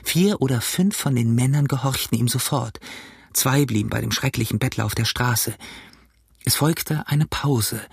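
A man reading an adventure novel aloud in steady, measured audiobook narration. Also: medium pitch, creaky, slightly rough, no echo, clean studio sound.

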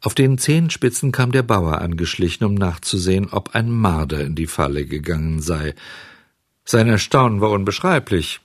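A man with a fairly low voice reads a children's story aloud, slow and measured with expressive shaping. The sound is dry and close, with no room echo. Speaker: narrator. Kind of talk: scripted storybook narration.

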